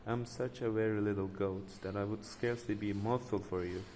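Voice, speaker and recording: A man's voice: on the low side, fairly even intonation, fairly quick, darkish tone, big-room sound, a little hiss or hum, natural voice. A man voicing a small, frightened young male goat who pleads timidly to be spared. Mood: pleading.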